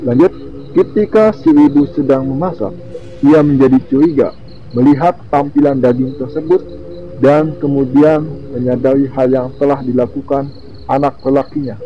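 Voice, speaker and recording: A man with a lisp that slurs his r, casually reading horror stories in a halting, informal way with his own asides. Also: medium pitch, fairly even intonation. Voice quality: lisp, slurred r. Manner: informal, halting reader who comments on the story. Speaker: video host. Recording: muffled lo-fi, clearly noisy with insect-like sounds.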